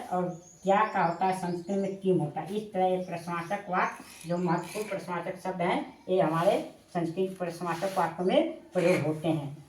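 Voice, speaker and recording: A woman teaching a language lesson, dictating slowly and repeating each word for her students. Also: lowish voice, roomy sound. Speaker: Sanskrit teacher. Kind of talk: classroom-style lesson.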